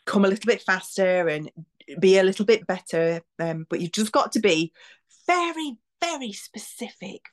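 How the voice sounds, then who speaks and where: A woman's voice: medium pitch, normal speed. Chatty woman in her forties. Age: 40s. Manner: chatty, with lively acted-out self-talk quotes. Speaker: podcast host. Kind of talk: reflective solo podcast talk.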